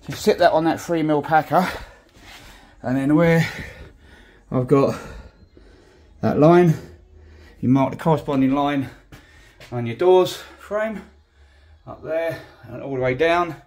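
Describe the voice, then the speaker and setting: A joiner with a fairly high, slightly mellow voice walks through a building job step by step, speaking slowly and pausing often. It's a casual how-to shot on a handheld phone indoors at a job site with stairs, and he's plain-spoken, talking as he works and swearing now and then.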